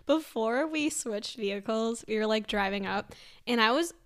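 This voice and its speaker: A young woman with a slightly high voice co-hosts a casual podcast chat. She is excitable, laughs in quick bursts, and keeps replaying what others said. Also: clean tone. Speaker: podcast co-host.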